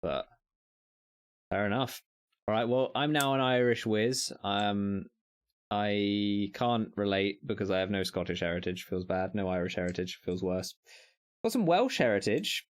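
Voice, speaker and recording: A man's voice: on the low side, unhurried. A man hosting a live stream, reacting in casual, jokey chat with frequent stammered restarts. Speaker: streamer host.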